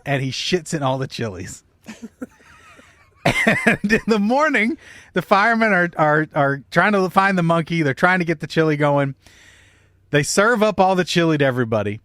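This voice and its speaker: In a fairly high, slightly bright voice, a comedy podcast storyteller casually relates a long comic story full of profanity and acted-out dialogue. The studio sound is clean with no echo.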